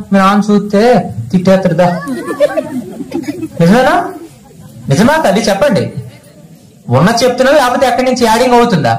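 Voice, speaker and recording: High-voiced man preaching in an echoey space. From India. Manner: preaching to a village gathering, asking the audience questions. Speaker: spiritual teacher. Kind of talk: sermon. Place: village gathering.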